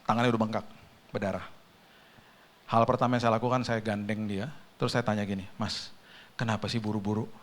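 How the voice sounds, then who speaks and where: A man preaching a sermon, telling a story with humor and acting out the scenes, sometimes nearly shouting. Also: fairly low pitch, steady tone, quick pace, long pauses. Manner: raises voice to near-shouts at peaks. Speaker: pastor.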